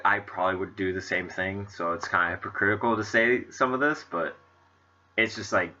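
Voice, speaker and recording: A man's voice: low voice, bright, forceful tone, lo-fi sound. A man hosting a let's play, chatting casually in a rambling way with lots of fillers. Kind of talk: casual gameplay commentary.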